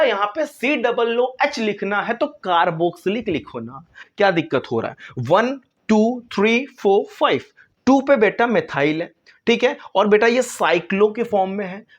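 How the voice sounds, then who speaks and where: Man teaching chemistry, chatty and coaxing, lo-fi sound. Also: high-pitched. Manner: chatty, coaxing, calls students "beta", mimics students' replies. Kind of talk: casual online lesson. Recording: slightly dull lo-fi recording.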